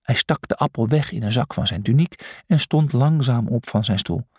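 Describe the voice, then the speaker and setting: A man reading a children's storybook aloud with expressive scripted narration. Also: mid-range voice, normal speed, husky, no room sound, studio quality. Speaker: audiobook narrator.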